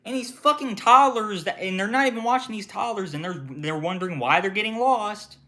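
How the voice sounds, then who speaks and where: Bright-voiced, foul-mouthed storytime ranter. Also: mid-range voice, fairly quick. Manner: profane, animated, swings from loud outbursts to muttered asides. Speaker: retail worker telling work stories. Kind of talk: casual storytime rant.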